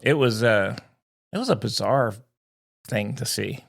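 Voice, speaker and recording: A man's voice: medium pitch, lively intonation, unhurried, gravelly, husky. A man co-hosting a casual sports podcast over a video call, joking and teasing. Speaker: co-host.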